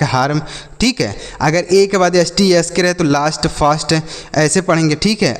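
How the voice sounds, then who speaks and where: A man teaching English phonics to children, spelling out words slowly and asking the class to repeat them. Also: high voice, big-room sound. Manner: slow, repeats words and asks the class back.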